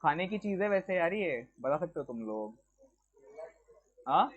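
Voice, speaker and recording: Male teacher, raised pitch, quizzes the room in mixed Hindi and English, muffled lo-fi classroom recording. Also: big pitch swings, a little slow, husky. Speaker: lecturer. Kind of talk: classroom lecture. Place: classroom with a board.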